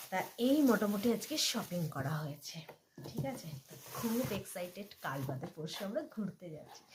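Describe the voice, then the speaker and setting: A woman's voice: on the low side, noisy background. A woman, a mother chatting casually to viewers in a home vlog and often checking in with them. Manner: chatty, addresses viewers with frequent check-ins. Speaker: family vlogger and mother.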